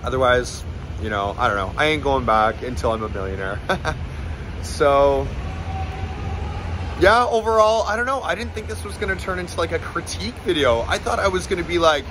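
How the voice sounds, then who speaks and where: A man's voice: fairly high pitch, lively intonation, moderate pace, background noise. A young man vlogging a restaurant review, chatting candidly and jokingly, swearing freely, filmed on a phone at arm's length. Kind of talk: casual chat. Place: upscale restaurant, then city street outdoors. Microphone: phone held at arm's length. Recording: background music and crowd chatter.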